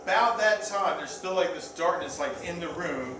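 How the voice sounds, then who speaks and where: A man's voice: fairly high pitch, normal speed. A man acting as game master, improvising scene descriptions conversationally in a hesitant, piecemeal way. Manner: hesitant, piecemeal descriptions with many hedging words. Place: roomy indoor game gathering. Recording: echoey room, distant mic, background sound.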